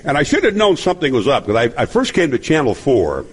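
A man in his seventies from Nebraska, chatting casually and spinning long stories with frequent laughs. His voice has a husky edge and moves around a lot in pitch. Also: big pitch swings, fast talker. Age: 70s. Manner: rambling storyteller, laughs often. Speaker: guest broadcaster. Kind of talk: casual chat.

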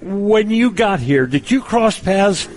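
A man's voice: sits high, lively intonation, slow pace. A man hosting a casual chat, prompting his guests with questions. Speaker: host.

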